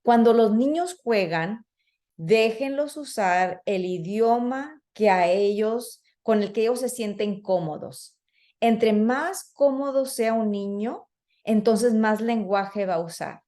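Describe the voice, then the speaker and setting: A dark-toned, slightly high female voice, unhurried in pace, leads this conversational talk for teachers. She is an early childhood educator and trainer giving professional development, peppering it with fillers and acting out children and teachers.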